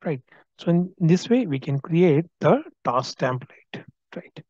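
A man teaches a software tutorial over a screen recording, moving at an unhurried pace with a mellow, fairly high voice. He explains each setting step by step and often tags his points with "right?". The sound is dry and a little dull, as from a basic computer mic. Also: expressive, dry recording. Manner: explanatory, frequent tag "right?". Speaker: software trainer.

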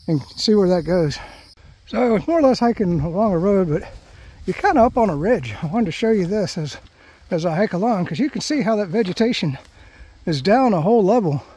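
A man with a high voice talks his way through a hike, chatty and rambling, with plenty of "you know" between thoughts. He records himself outdoors, with crickets and other rural sounds faint behind him. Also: warm tone. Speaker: hiking vlogger. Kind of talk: casual vlog narration while hiking. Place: outdoors on a grassy trail through palm scrub.

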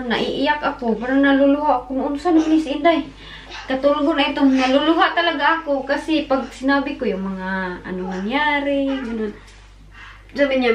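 A woman with a Filipino accent chatting casually to her viewers in a family vlog, speaking to the camera from her phone between moments with her kids. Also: sits high. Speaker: family vlogger. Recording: roomy, distant phone mic with background noise.

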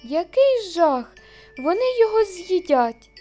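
A woman playing a squeaky, timid little mouse. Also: big pitch swings, a little slow, warm tone, faint music behind, exaggerated voice. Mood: frightened. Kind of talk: children's storybook narration.

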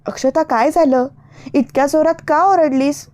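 A caring young man with a soft, tender manner, voiced by a woman narrator, his high voice teasing gently. The sound is close and dry, the way an audiobook is recorded. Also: normal speed, no echo, close to an everyday voice.

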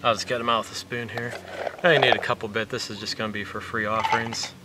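A man in his thirties, a fishing vlogger, walks through a fishing bait recipe step by step on a lakeshore, speaking casually and plainly with filler words. His voice is lowish, flat in delivery, and fast. The camera mic sits a few meters away, so the audio sounds distant and carries wind noise.

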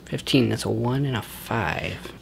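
A man's voice: medium pitch, a little slow, vocal fry, slight background noise. A young man co-hosting a casual book haul vlog, recorded in a small echoey room. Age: young adult. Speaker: book haul vlogger, co-host. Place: small indoor room at home.

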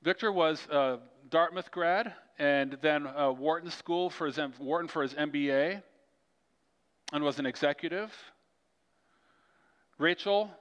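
A man's voice: a little slow, pauses often, smooth. Man preaching in a reverberant church hall. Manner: storytelling, animated swings in pitch and loudness. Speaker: pastor. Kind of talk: sermon.

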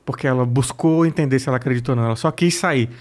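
Fast-talking Brazilian comedian, blunt and profane. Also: male voice, medium pitch. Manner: blunt, profane, animated storytelling. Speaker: comedian guest. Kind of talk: casual interview chat.

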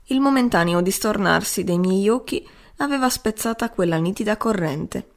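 A woman narrating an audiobook in a measured, literary way. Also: medium pitch, animated. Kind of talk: audiobook reading.

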